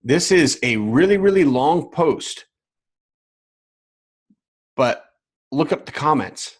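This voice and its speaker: A man's voice: fairly high pitch, lively intonation, takes it slowly, husky. Emphatic male business coach. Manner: emphatic, repetitive, talks straight to viewers. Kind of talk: live online coaching lesson.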